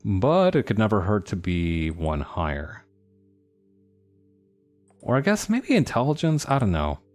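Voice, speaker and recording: A man's voice: on the low side, wildly swooping pitch, a little slow, a little mellow, faint music behind. A man streaming a game, musing aloud over his choices in casual commentary.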